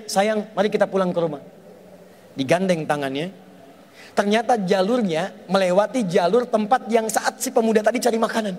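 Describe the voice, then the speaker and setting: A male preacher telling a story in a sermon, animated and asking his audience questions. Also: high voice. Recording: long hall reverb.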